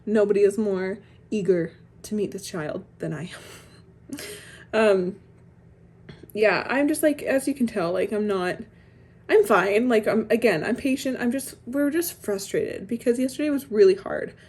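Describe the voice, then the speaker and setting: At a measured pace, a young heavily pregnant vlogger speaks to camera in a mid-range voice that's a little mellow with a breathy edge. She rambles casually, saying "like" often and laughing between phrases.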